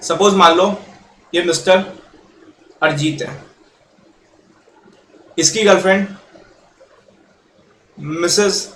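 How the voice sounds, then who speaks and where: A man teaching a lecture, explaining with quick role-played examples and mixing in English terms. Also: high voice, bright, forceful tone. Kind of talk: classroom-style lecture. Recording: echoey room, faint background noise.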